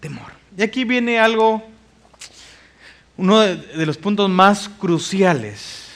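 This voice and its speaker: A man's voice: high voice, expressive, slow pace, fairly bright tone. A male pastor preaching a sermon, reading scripture aloud and putting rhetorical questions to the congregation. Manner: reads scripture passages aloud.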